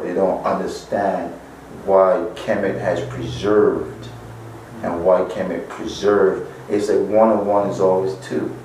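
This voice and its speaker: This author from Barbados has a low-pitched, slightly mellow voice. As an interview guest he gives long answers rich in spiritual teaching and full of "you know" fillers. The room is echoey and far-off-sounding, with faint noise.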